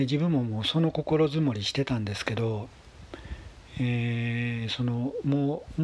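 A man with a husky voice, telling a story in a casual, polite monologue with gentle pauses. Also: mid-range voice. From Kansai, Japan. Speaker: solo talk show host.

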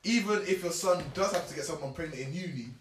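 A young London-accented man speaks in a fairly high voice, explaining his view in casual conversation. He repeats points for emphasis, and the room sounds echoey. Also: quick pace, a little hiss or hum. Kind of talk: casual chat. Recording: echoey room, distant from mic.

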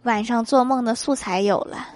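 A woman's voice: on the high side, normal speed, crowd noise. A woman hosting a comedy segment, reading funny everyday anecdotes and laughing at her own punchlines. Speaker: host.

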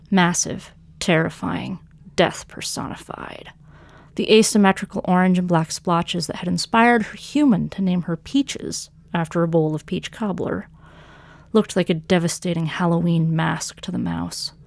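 A woman, the author and narrator of a fiction podcast, reading her own story in a measured way that slows for dramatic lines. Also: fairly low pitch, vocal fry, no room sound.

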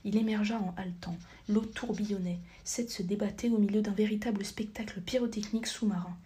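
Woman narrating in a soft half-whisper. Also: mid-range voice, fairly even intonation, fairly quick. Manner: soft, half-whispered, occasional slips and corrections. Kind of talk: whispered audiobook reading.

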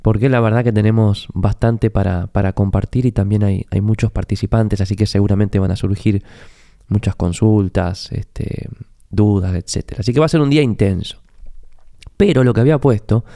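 A man's voice: fairly low pitch, brisk, creaky, dark tone, no room sound, studio quality. A man with a Rioplatense Spanish accent and a congested, nasal voice from a recent flu, talking reflectively and informally as a podcast host. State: recovering from flu. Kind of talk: reflective conversational podcast monologue. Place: office.

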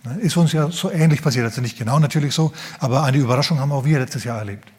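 A man's voice: medium pitch, rapid-fire, darkish tone, husky. A man with a German accent preaching a sermon, telling the story vividly and addressing the congregation directly.

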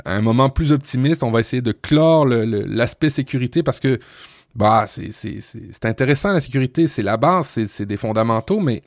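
A man's voice: medium pitch, lively intonation, brisk, dry recording, studio quality. A man with a Québécois accent co-hosting a tech podcast, talking casually with many hesitations and fillers. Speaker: podcast co-host.

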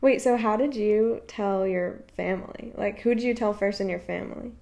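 A woman in her twenties, co-hosting a casual podcast chat in a lively way and laughing easily. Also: medium pitch, normal speed, vocal fry. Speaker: podcast co-host.

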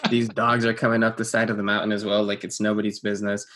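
A young man with a somewhat low voice chats on a podcast with an old friend. He recalls stories in a loose, unhurried way and pauses to find his words. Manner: relaxed, hesitant recollection with fillers and restarts. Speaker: podcast co-host. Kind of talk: casual chat.

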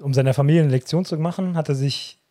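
Very fast man with mellow voice. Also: a little high. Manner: rapid, shares news items. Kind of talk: casual podcast chat.

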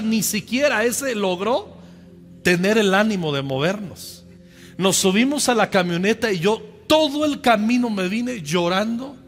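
A Mexican pastor in his fifties preaches with a fairly high, bright voice that rings through a long church-hall echo. He tells a personal story in a lively, joking way and speaks straight to the congregation, with soft music under his sermon.

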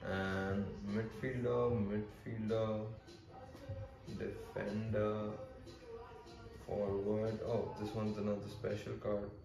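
Slow-talking Indian-accented young man in echoey room. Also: on the low side, little pitch movement, gravelly, music in the background. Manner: laid-back, swears freely, reads out card stats. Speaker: vlogger. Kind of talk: casual card-opening commentary.

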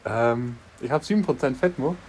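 Relaxed young man, offhand joking. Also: medium pitch, moderate pace, very noisy. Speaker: podcast co-host. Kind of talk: casual chat.

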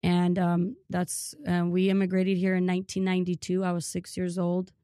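A woman's voice: on the low side, completely flat delivery, moderate pace, dark tone, dry recording, clean studio sound. A woman in her thirties, born in Ukraine, telling her family's story as a podcast guest in an earnest way with many fillers and restarts. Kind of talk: casual interview.

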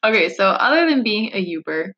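A woman's voice: mid-range voice, sing-song, fairly quick, fairly bright tone, dull audio. A young woman with a Michigan accent, hosting a podcast in casual, candid, jokey chat. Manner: candid, jokey, laughs often. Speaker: podcast host.

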